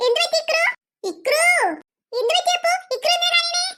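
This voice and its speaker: A woman's voice: very high-pitched, fairly quick, bright, forceful tone, voice pushed up. Woman voicing a fussing cartoon teacher. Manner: fussing, motherly. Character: caring schoolteacher woman on a trip. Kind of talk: cartoon voice acting.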